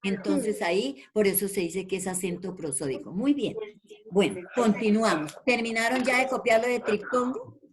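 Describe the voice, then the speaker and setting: A woman's voice: mid-range voice, animated, normal speed, a crowd in the background. Woman teacher, online class over video call, patient and affectionate, repeats questions. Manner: patient, calls pupils by name and repeats questions; affectionate with pupils. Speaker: primary school teacher.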